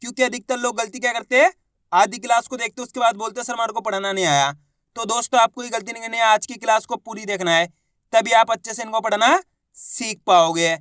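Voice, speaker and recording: A young adult man teaching an online Hindi reading lesson, sounding out syllables slowly and drawing out words, encouraging viewers as friends. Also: very high-pitched, a bit bright, clean tone, no echo, studio quality. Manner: slow, drawn-out syllable-by-syllable pronunciation.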